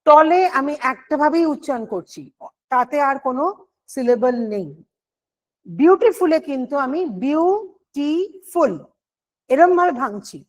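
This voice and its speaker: Lady teacher, high voice, walks through grammar rules and quizzes herself as she goes. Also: expressive, normal speed. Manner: explains step by step, asks and answers her own questions. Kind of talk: online exam-prep grammar lesson.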